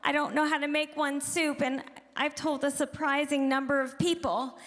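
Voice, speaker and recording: High-voiced woman comedian in a reverberant hall. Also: little pitch movement, normal speed, a bit bright. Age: 40s. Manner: chatty and self-deprecating, laughing at her own jokes. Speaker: stand-up comedian. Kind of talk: stand-up comedy set. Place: women's conference hall. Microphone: handheld microphone.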